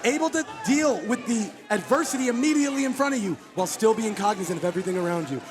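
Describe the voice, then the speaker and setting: A man calling a roller derby bout live, with his voice worn and hoarse, rising and cracking when the action heats up. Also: fast. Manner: excitable, voice cracking up high when thrilled. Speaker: roller derby play-by-play commentator. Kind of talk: live sports commentary. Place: roller derby arena, crowd around. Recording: live arena with clear crowd noise. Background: crowd noise.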